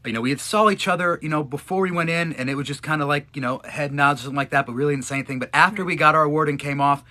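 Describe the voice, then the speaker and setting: A man's voice: on the high side, racing, sharp tone. A man streamer chatting casually with his wife about an awards trip, emotional and choking up as he talks. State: tearful, choked up. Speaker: live streamer, one of a couple. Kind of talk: casual chat answering follower questions.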